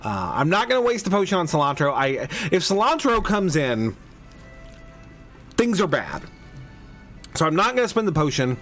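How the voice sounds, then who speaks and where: A man hosts a casual game playthrough, rambling about his strategy and favorite parts. His voice sits a bit high and moves a lot in pitch. Faint music plays underneath. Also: sing-song, moderate pace, pauses often, a bit bright. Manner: chatty, rambling, frequent restarts and fillers. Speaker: host of a game playthrough podcast. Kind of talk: casual let's play commentary.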